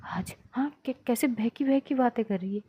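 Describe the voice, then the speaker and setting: A woman's voice: a little high, normal speed, husky, highs cut off. Kashish, a woman doing a stammering student. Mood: flustered. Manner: stammering, flustered. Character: flustered young woman student.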